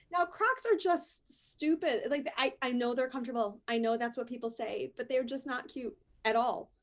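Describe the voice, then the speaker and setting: A woman's voice: sits high, normal speed. A woman co-hosting a casual podcast, reading a news story aloud and ranting playfully. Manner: playful, ranting, laughs often. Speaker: podcast co-host.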